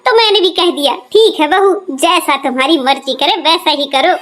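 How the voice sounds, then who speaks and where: A woman's voice: high-pitched, expressive, normal speed, fairly bright tone. A woman voicing a fussy middle-aged cartoon mother-in-law who frets and scolds. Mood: fretful. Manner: fretful, scolding. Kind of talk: cartoon voice acting.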